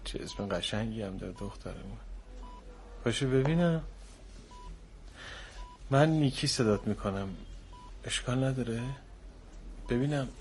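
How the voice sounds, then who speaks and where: An actor playing a male hospital nurse who coaxes a sick child softly, then pleads and sobs. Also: mid-range voice, expressive, long pauses, slight background noise, close to an everyday voice. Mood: soft, coaxing. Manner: soft coaxing, then pleading and sobbing. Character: gentle male nurse who breaks down over a dying child.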